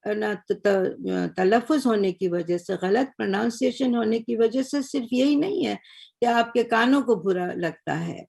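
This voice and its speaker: An older woman giving a lecture on Urdu, explaining patiently and measured, often checking in with her listeners. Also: lowish voice, gravelly, darkish tone, slightly rough. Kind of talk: recorded lecture.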